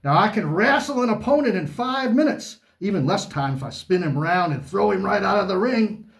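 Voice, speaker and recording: A man's voice: sits high, expressive, fairly quick, a bit bright. A man voicing a brash, boastful pro-wrestler persona who talks in showy wrestling trash talk while co-hosting a book chat. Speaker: co-host.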